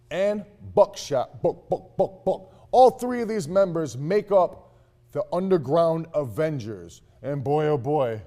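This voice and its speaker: Bright-toned man doing mock-dramatic promo announcing. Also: on the high side. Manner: mock-dramatic, repetitive, profane. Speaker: infomercial co-host announcing a festival lineup.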